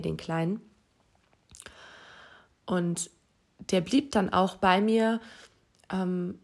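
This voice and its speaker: A young woman, a new mother, telling her birth story in a casual vlog, emotional and often dropping to a soft hush. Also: on the low side, creaky.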